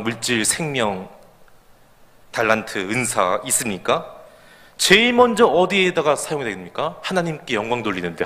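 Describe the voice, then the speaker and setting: Lively preaching man in reverberant church. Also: fairly high pitch. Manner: animated preaching, calls out hallelujah, laughs at his own anecdote. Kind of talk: sermon at a midweek prayer service. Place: church sanctuary.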